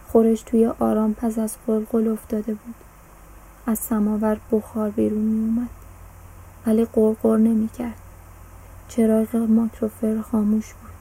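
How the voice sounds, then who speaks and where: Woman telling a children's story warmly. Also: fairly high pitch, slightly rough, low-quality recording. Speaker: narrator.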